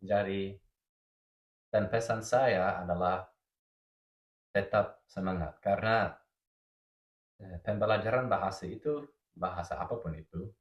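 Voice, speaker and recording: Deep-voiced foreign man with a stuffy nose. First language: English. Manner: careful formal Indonesian of a foreign learner, halting. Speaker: podcast guest. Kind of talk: casual podcast interview. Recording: roomy echo, slightly dull sound.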